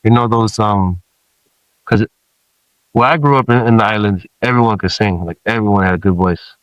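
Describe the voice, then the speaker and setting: Raised in Samoa and now in his forties, this rapper guest chats casually and relaxedly, telling stories packed with fillers. He speaks at normal speed in a fairly low voice. The audio is dull, without room sound.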